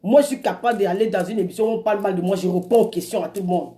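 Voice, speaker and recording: A woman hosting a comedic live stream, commenting in a lively, emphatic and repetitive way. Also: mid-range voice, rapid-fire.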